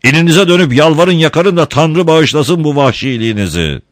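A man's voice: lowish voice, expressive, a little fast, a bit bright, no echo, clean studio sound, voice pushed up. A man voicing a hot-tempered village priest who talks in an indignant, commanding way. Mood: thundering.

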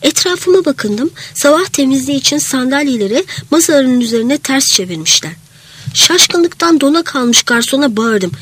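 A woman's voice: sits high, lively intonation, moderate pace, a bit bright, dry recording. A woman narrating a literary first-person story in a reflective way, sometimes dropping to a whisper.

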